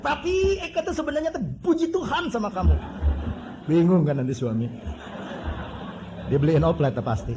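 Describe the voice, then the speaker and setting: A man preaching a sermon, animated and joking, with mimicked voices and whistle sounds. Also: high voice, moderate pace, long pauses, noisy background. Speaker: pastor.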